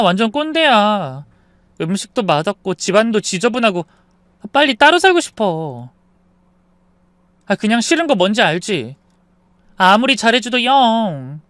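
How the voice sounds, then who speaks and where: A man's voice: high-pitched, big pitch swings, unhurried, pauses often, fairly bright tone, no echo, pitched above the performer's own voice, exaggerated voice. A man voicing a sly young daughter-in-law who lies with feigned innocence. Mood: scornful.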